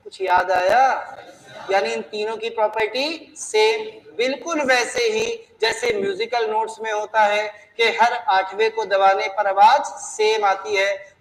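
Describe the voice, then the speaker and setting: High-voiced man teaching a chemistry class. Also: a little slow, big-room sound, a little hiss or hum, rough recording. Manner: playful, asks the class questions. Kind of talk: classroom lecture.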